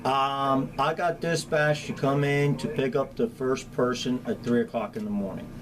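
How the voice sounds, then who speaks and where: A medium-pitched male voice at normal speed belongs to a middle-aged emergency official with a Spanish accent, the county's hazmat chief. In an informal interview he answers plainly and practically, against clear, steady ambient background noise.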